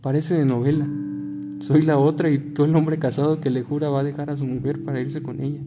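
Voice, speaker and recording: A man's voice: on the high side, flat delivery, fairly quick, in a large hall, lightly acted. A man with a Mexican accent voicing a curt, bitter young man in his twenties who has been cheated on. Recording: guitar music playing behind.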